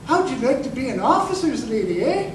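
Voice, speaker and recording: In a tender yet brave moment, the man playing the earnest ex-corporal, crippled and bitter about his betrayal, speaks in a very high, sing-song voice. His delivery stays halting and emphatic, full of repeated words. It's a live museum stage performance of an old-time radio drama, with echo, room noise and a far-off microphone.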